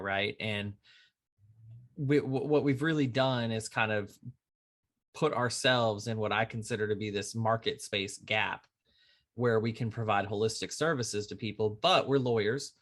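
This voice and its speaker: A man who is an insurance attorney, talking casually as a podcast guest and telling lively stories with acted-out dialogue. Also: fairly low pitch, normal speed. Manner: animated storyteller who acts out quoted dialogue. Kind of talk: conversational podcast interview.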